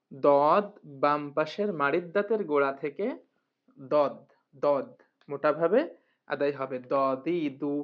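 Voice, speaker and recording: A woman teaching Quran reading in a recorded lesson, patiently repeating and drilling each sound. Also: low voice. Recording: muffled lo-fi recording.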